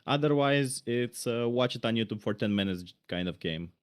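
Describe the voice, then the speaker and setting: A man's voice: medium pitch, lively intonation, normal speed, clear, resonant tone. A man co-hosting a casual livestream, giving blunt, opinionated critiques of game jam entries. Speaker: stream co-host reviewing game jam entries.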